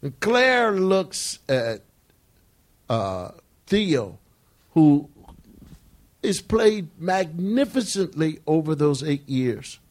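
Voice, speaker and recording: An older man talking in a slow, rambling, storytelling way, often chuckling between thoughts as an interview guest. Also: fairly high pitch, sing-song. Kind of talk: casual storytelling conversation.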